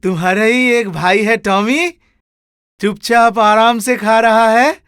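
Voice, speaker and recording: An actor playing a mocking, bossy elder brother in a Hindi film drama. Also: male voice, high-pitched, slow pace, a bit bright, clean tone, dry recording, studio quality. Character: scheming elder brother, mocking servant-loving master.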